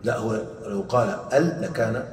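A man teaching grammar in a lecture, asking questions and answering them himself, repeating quoted verses slowly. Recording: echoey hall, distant mic, faint rumble.

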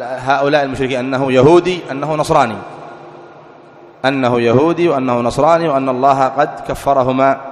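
A man's voice: on the high side, fairly bright tone. Man lecturing in an echoey hall. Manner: asks rhetorical questions and answers them; reads quoted text slowly and deliberately. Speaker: religious teacher. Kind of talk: lecture explaining a creed text. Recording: echoey hall with long reverb.

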